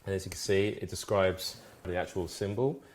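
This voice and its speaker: Deep-voiced man explaining his brand. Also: steady tone, moderate pace. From Ghana, raised in the UK from age five. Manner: thoughtful, hesitant with many restarts and fillers. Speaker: brand co-founder, interview guest. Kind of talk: casual interview talk.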